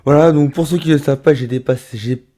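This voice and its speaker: A thirty-year-old roller skating vlogger chats through an unboxing in his home studio. His voice is fairly high and mellow, and he talks fast. He is chatty, full of fillers and restarts, and calls his viewers little rabbits.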